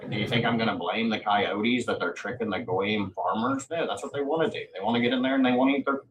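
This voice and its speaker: Talking fast in a fairly low voice, a man runs a livestream full of casual, boastful rambling and frequent swearing. The sound is lo-fi and roomy, picked up by a distant mic with faint noise.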